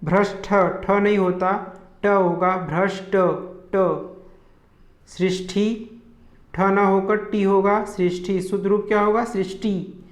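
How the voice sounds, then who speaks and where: A man with a high, flat voice runs a spelling drill for exam students. He calls out each wrong word, asks for the correct form and answers it at once. The room gives his voice a clear echo. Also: moderate pace. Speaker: Hindi grammar teacher. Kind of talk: exam-prep lesson.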